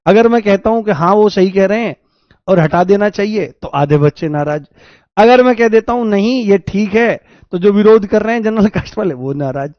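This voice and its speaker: A man's voice: high-pitched, expressive, brisk, no room sound, highs cut off. A man giving an exam coaching lecture on law, repeating key terms over and over and joking with his students. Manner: repetitive, drills terms, jokes with students. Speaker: law teacher.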